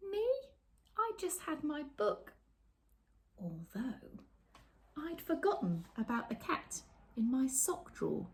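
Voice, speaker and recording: This middle-aged woman has a high voice and reads a picture book aloud to children in a small, indoor room with bookshelves. Her expressive storytime includes chatty asides to young viewers, dramatic pauses and sudden whispers.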